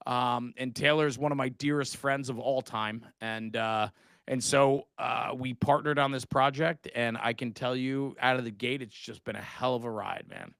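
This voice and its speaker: This middle-aged guest, a fire service podcaster, chats casually and passionately on a live stream, earnest and emphatic like a buddy, using "man" and "bro." He has a mid-range, fairly bright, clear and resonant voice with vocal fry, fairly even intonation and a moderate pace, recorded with no echo.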